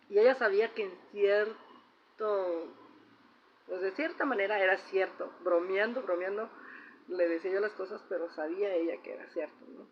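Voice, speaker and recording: Telling a family story in a casual vlog, a middle-aged Mexican-accented woman speaks in a mid-range voice. Her chatty delivery is dotted with a questioning "¿no?" at the end of phrases, and the recording is slightly dull with a little faint noise.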